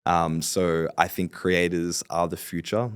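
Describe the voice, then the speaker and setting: Guesting on a podcast, this late-twenties fulfillment company founder chats casually, confident and agreeable about his business. He speaks a little slowly in a low, level, clean-toned voice, captured as clean studio sound with no room noise.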